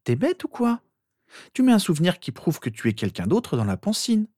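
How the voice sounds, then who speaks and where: A man doing a high, mocking teenage girl. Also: huge pitch swings, moderate pace, dry recording, studio quality, full character voice. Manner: teasing, sharp retorts. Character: mocking skeptical teenage girl, Harry's sister.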